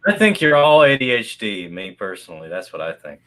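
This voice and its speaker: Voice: deep voice, sing-song, brisk, fairly bright tone. A call-in guest on a casual livestream, making dry, wry remarks.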